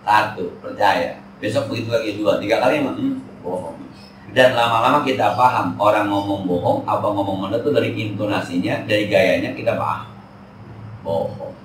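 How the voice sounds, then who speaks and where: A man's voice: on the low side, moderate pace, a little hiss or hum. Echoey far-off mosque preacher, man in forties. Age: 40s. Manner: chatty, jokey, slangy Jakarta talk. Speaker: Islamic teacher. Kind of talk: religious study talk. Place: mosque hall.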